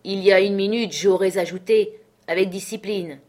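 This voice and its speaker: A woman's voice: medium pitch, steady tone, normal speed, darkish tone, natural voice. A woman voicing a stern, commanding male sea captain in a read-aloud novel. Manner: firm, commanding, reproachful. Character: stern commanding ship captain, man, unyielding.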